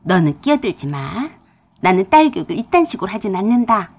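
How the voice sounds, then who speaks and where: A domineering older mother-in-law scolds her daughter-in-law in a harsh, lecturing tone, voiced by a woman reading the story aloud. The voice is a little breathy and rises and falls widely. It is a storybook figure, not a real person. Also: mid-range voice, big pitch swings, a little fast. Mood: furious.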